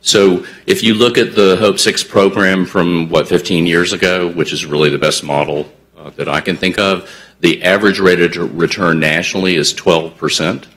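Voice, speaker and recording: A man's voice: sits low, steady tone, normal speed, fairly bright tone. A man presenting as a housing developer at a county commission meeting, explaining at length with many fillers and restarts.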